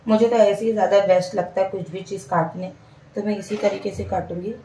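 A woman's voice: mid-range voice, steady tone, brisk, dark tone, slight background noise. A woman, casually narrating a home cooking vlog and explaining each step to her viewers. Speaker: home cook vlogger. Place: home kitchen. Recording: echoey kitchen, mic far off.

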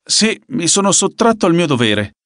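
A man's voice: high-pitched, sing-song, normal speed, fairly bright tone, no room sound, studio quality, pitched above the performer's own voice. A man voicing a polite, uneasy young man in an audiobook.

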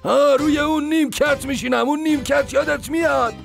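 An actor dubbing a desperate husband who shouts and pleads for his wife to come back. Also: very high voice, fairly even intonation, gravelly, music in the background, full character voice. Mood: pleading. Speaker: dubbed drama character. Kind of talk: Persian TV dub acting.

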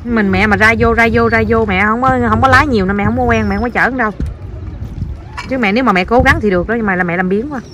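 A woman's voice: fairly high pitch, fast, noisy background. A woman coaxing and cheering her child on outdoors by a river, filming on her phone. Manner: coaxing, encouraging, counts aloud. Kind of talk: casual family vlog. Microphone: phone camera held by the speaker.

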